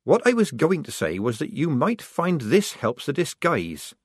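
A man reading an audiobook, voicing a level-headed young woman disguised as a soldier, in a dry, measured way. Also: on the high side, wildly swooping pitch, slightly rough, dry recording, voice pushed up, exaggerated voice.

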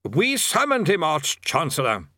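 A man doing a flustered high-voiced bursar. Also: sing-song, fairly quick, pushed and bright, no echo, clean studio sound, full character voice. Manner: flustered, stammering, overly polite. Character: fussy nervous male university bursar.

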